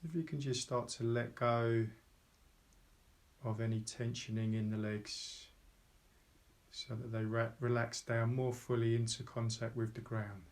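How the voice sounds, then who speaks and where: A calm male voice in the middle range talks the listener through a meditation. The soft, slow guidance unfolds in short phrases with pauses between them.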